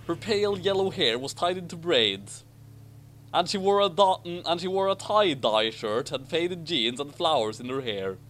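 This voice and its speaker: Narrating a story with expressive delivery, a man with a somewhat high, slightly bright voice interrupts himself for mocking, sardonic commentary. There is slight background noise.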